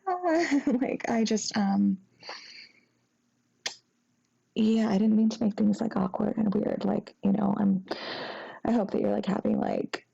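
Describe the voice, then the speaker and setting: An actress voices a sheepish young ex-girlfriend who, after a drunken night, rambles apologetically to an old flame in an intimate acted phone-call roleplay, halting, flustered, embarrassed and giggling nervously. Her mid-range voice is soft, dark and relaxed with very heavy creak, and the recording sounds slightly dull.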